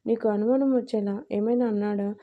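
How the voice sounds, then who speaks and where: A woman's voice: mid-range voice, steady tone, a little fast, phone-quality sound, close to an everyday voice. A woman voicing a firm, shrewd male friend. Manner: firm, probing questions.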